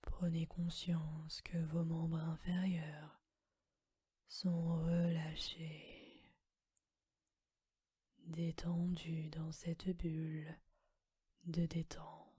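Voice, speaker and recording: A woman whispering a guided relaxation meditation in a soft, calm voice. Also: sits low, drawn-out words, long pauses, breathy edge, dry recording, clean studio sound.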